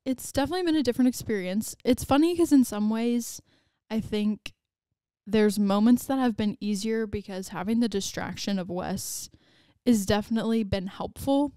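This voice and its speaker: A pregnant woman in her twenties co-hosts a casual podcast chat, rambling, giggling, and saying "like" a lot. Her mid-range voice is dark and smooth at a normal speed. The recording is dry and clean, studio quality.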